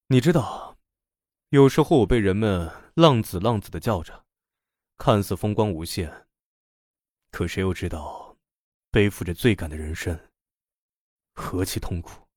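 A man voicing a smug, seductive middle-aged professor who talks low and sly. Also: animated, very slow, pauses often, mellow, dry recording, studio quality, heavily acted. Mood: rueful.

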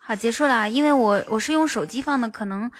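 A woman's voice: a little high, fast, soft background music. A woman hosting a live stream, chatting playfully, repeating herself and laughing often. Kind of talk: casual live-stream chat.

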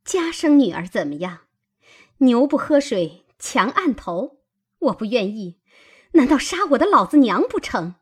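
A woman reader voicing a proud young maidservant who scolds in a high, loud voice and cries in anger. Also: sing-song, measured pace, breathy edge, full character voice. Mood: indignant. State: crying while scolding.

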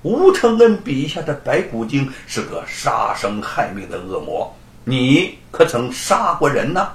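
A shrewd old-time magistrate, as a storyteller puts him on, measured and official with a dry mocking edge. The voice rises and falls widely. There is a roomy echo on the recording. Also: male voice, on the high side, huge pitch swings, exaggerated voice.

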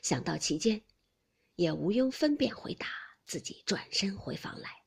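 A woman narrating a classic novel as an audiobook, expressive and dropping to a soft near-whisper at times. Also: medium pitch, moderate pace, creaky, slightly rough. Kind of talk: storytelling reading of a classic novel.

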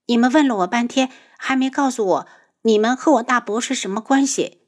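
A woman voicing a cheerful young village girl in an audiobook, quick and chatty. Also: a little high, pitched above the performer's own voice, close to an everyday voice.

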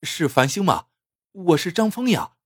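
A man's voice: medium pitch, sing-song, measured pace, husky, no room sound, clean studio sound. A man voicing an earnest, nostalgic man looking for an old friend, with an emotional delivery. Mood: eager.

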